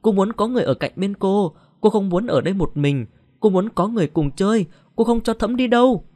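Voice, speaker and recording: A man's voice: high voice, expressive, a little fast, mellow, no room sound, pitched above the performer's own voice. A man voicing a childish, clinging young female ghost who whines and pleads. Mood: whiny.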